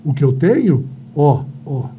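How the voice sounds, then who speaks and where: A man's voice: fairly high pitch, sing-song, measured pace, muffled recording, slight background noise. A male teacher giving a playful grammar lesson, asking and answering his own questions and telling silly stories.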